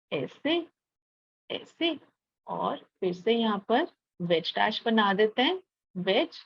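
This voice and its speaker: A woman's voice: on the high side, muffled recording. A young woman teaching a chemistry class online, explaining step by step and often checking that students follow. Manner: explains step by step, checks understanding with frequent tag questions.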